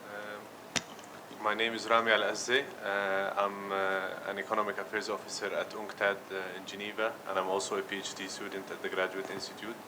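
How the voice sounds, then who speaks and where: Man, economic affairs officer, low pitch, flat delivery, noisy room. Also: normal speed. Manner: filler-heavy self-introduction.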